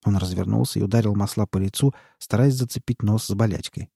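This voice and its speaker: Male audiobook narrator, husky and dark, reads evenly, dry close mic. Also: on the low side, fast, no room sound. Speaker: audiobook reader. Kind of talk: scripted narration.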